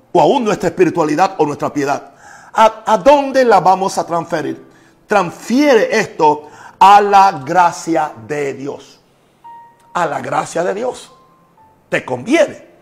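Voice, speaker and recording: Emphatic man preaching, music faint behind. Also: sits high. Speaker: pastor. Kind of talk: sermon.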